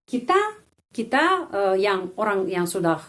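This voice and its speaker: A woman teaching a language lesson, explaining step by step and repeating each example word slowly and carefully. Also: mid-range voice, very animated, fairly bright tone. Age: adult.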